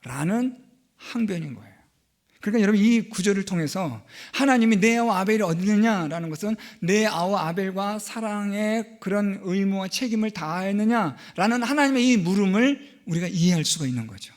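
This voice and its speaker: A man preaching from the pulpit, his voice sitting high for a man. He speaks earnestly and with emphasis, stretching key phrases and voicing quoted pleas and retorts with feeling. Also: expressive, moderate pace. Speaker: pastor. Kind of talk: sermon.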